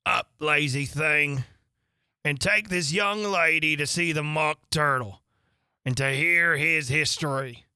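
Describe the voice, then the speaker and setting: A reader voicing a domineering, hot-tempered queen who speaks slowly and loudly. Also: medium pitch, smooth, no room sound, studio quality. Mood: imperious. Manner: slow, loud, commanding. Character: stern furious queen, woman, domineering. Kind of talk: audiobook character voice.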